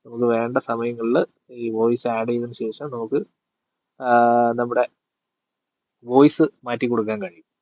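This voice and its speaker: A man giving a casual tech tutorial and explaining phone settings, pausing often with fillers. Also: medium pitch, fairly even intonation, darkish tone, muffled recording. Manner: hesitant, with many fillers.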